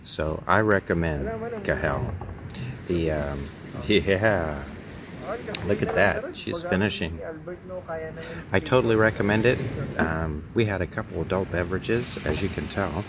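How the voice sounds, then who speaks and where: A man's voice: low voice, measured pace, a crowd in the background. A man in his fifties chatting casually as he vlogs a beachfront restaurant at night, filmed on a phone held at arm's length. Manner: relaxed, chatty, recommending. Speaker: travel vlogger. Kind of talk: casual vlog narration. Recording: noisy outdoor phone recording.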